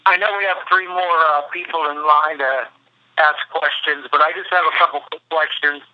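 A man moderating a press conference call, brisk and businesslike, heard over the call's phone line. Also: a little high, steady tone, no echo. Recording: dull, dry phone line.

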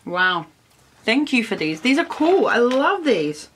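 Chatty Australian woman, slightly high voice. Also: big pitch swings, slow, a little hiss or hum. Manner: chatty, enthusiastic, lots of "like" fillers. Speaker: food vlogger. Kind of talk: casual taste-test vlog. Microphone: camera on tripod.

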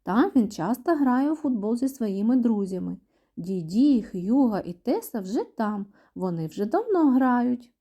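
A woman reading a children's storybook aloud for kindergarten children in an expressive manner. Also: a little high, unhurried, breathy edge. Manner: expressive, animated.

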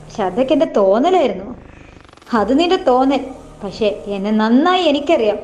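A woman reading a novel aloud in the first person, voicing every part herself in a plain, unhurried way. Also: high voice, very animated, a little mellow, slight background noise. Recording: dull lo-fi voice with faint music.

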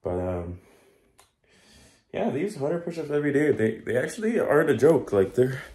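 A man's voice: mid-range voice, very animated, normal speed, dark tone. A young man vlogging casually to his phone while doing push-ups, a bit winded and straining. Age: young adult. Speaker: fitness challenge vlogger. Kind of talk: casual self-talk vlog. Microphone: phone camera, at arm's length or propped nearby. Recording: echoey small room.

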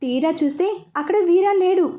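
A woman reading a romance serial aloud as a storyteller, in a steady narrating manner. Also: very high voice, normal speed.

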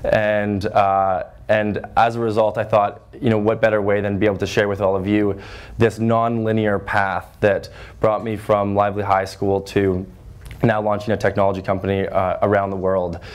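A loud-voiced man in his twenties from Northern Ontario, Canada, speaks as a guest to a high school class seated in a chalkboard classroom. His talk is earnest but flat, at a moderate pace, full of fillers and restarts.

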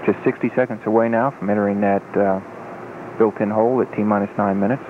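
A man giving calm, matter-of-fact official countdown commentary, with hesitant pauses. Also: fairly low pitch, narrow, tinny audio. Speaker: launch countdown public affairs commentator. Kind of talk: measured official live commentary. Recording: thin 1980s broadcast feed with faint noise.

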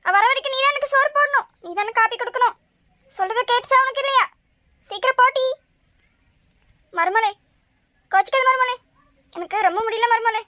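A woman's voice: very high voice, fairly quick, pauses often, bright, forceful tone, dry recording, studio quality. A woman voicing a bossy, scolding older mother-in-law in a cartoon. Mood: nagging. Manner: scolding, nagging. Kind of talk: cartoon voice acting.

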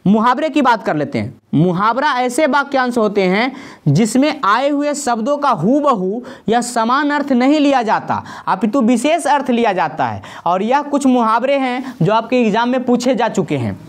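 A woman's voice: on the high side, very animated, moderate pace. A woman teaching a grammar lesson for exam preparation. She explains each rule, then lists short examples, checking in with her students as she goes.

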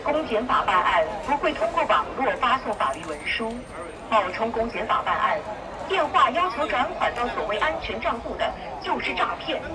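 Looping loudspeaker warning by a woman. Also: a little high. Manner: rhyming slogans recited in a steady, repetitive cadence. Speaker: public anti-fraud announcement. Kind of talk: looped loudspeaker announcement. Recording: loudspeaker heard outdoors amid a crowd and traffic.

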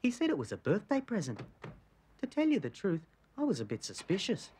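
A man's voice: high-pitched, wildly swooping pitch, fairly quick, a little mellow, slight background noise. A man playing a gullible, jittery young man. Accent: Australian. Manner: hesitant, nervous questioning. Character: naive trusting young man, anxious and gullible.

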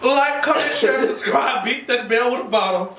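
A man's voice: extremely high pitch, moderate pace. A young man chatting casually and bickering playfully, full of exclamations. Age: young adult. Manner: animated, exclaiming. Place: small indoor room. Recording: roomy, distant camera mic, faint noise.

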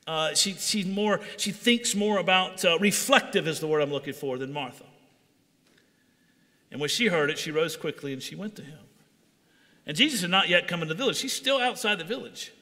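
A man's voice: sits high, pushed and bright, big-room sound. A man preaching a sermon, reading scripture aloud and then explaining it with rising intensity. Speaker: pastor. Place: church sanctuary.

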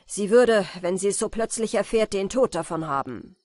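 A woman voicing a bold young male huntsman who shouts loud, commanding threats. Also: sits high, animated, moderate pace, dry recording, clean studio sound. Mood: fierce shouting.

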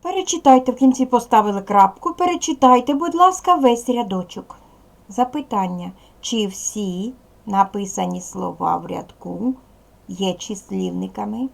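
In a recorded lesson aimed at young kids, a primary school teacher speaks at a medium pitch with a Ukrainian accent. She keeps her instructions slow and clear.

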